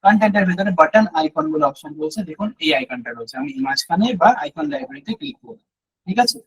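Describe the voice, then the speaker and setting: A man teaching web design in a live online class, talking slowly through each step and often checking that listeners follow; his voice is a little hoarse from talking a long time. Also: sits high, sing-song, fairly bright tone, low-quality recording. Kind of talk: live screen-share tutorial.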